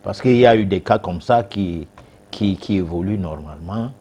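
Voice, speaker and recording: A man's voice: sits low, moderate pace, mellow, a little hiss or hum. A man, a guest expert on a TV talk show answering viewers' questions, hesitant with many fillers and restarts.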